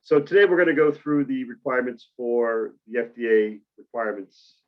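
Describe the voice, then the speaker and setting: A man with a Boston accent presenting on a webinar, measured and explanatory, with frequent uhs. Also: medium pitch, dull audio. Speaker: industry presenter. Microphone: video call mic.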